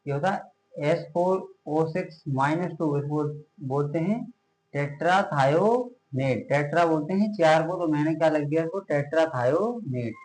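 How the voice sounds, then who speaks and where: At a board, a man gives a classroom chemistry lecture in a slightly high voice that echoes through a bare room. He poses questions and answers them himself, drawing out each key term. His delivery is a little slow and darkish, with a faint hiss or hum underneath.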